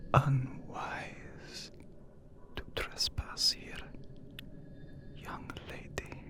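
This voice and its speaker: A man voicing a haughty, courtly, immortal vampire count in a breathy, whispered ASMR roleplay, with formal, archaic phrasing. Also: medium pitch.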